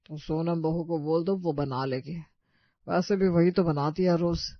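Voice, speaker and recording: A woman voicing a calm, practical older father-in-law in a cartoon. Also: sits low, a little slow, no room sound, lo-fi sound.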